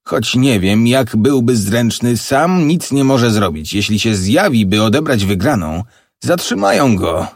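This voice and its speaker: A man's voice: on the low side, sing-song, unhurried, creaky, a little mellow, no room sound, studio quality, full character voice. A man voicing a middle-aged professor and father, agitated, emphatic and stubborn, in an audiobook. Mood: defiant.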